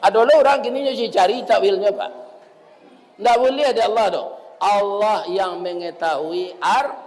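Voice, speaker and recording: A man's voice: high voice, moderate pace, a little mellow. A middle-aged man with a Minangkabau accent preaching a folksy village mosque sermon, calling his listeners "Pak", chanting verses and reciting rhymes. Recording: long echo of a mosque hall.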